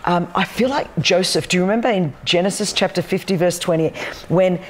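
Speaking briskly in a voice on the low side, an Australian woman in her fifties appears as a talk show guest and delivers an animated, emphatic testimony. She tells her story with passion, her hands gesturing constantly, on a large studio loft set with wooden beams.

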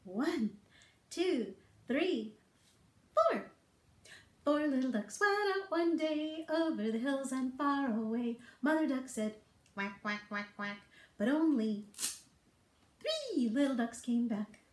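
A middle-aged woman, a children's storytime librarian, leads toddlers through read-alouds, songs and rhymes in a playful, encouraging singsong. Her high voice is very animated but slow, with long pauses. She's in a small book-lined office that gives a roomy indoor echo.

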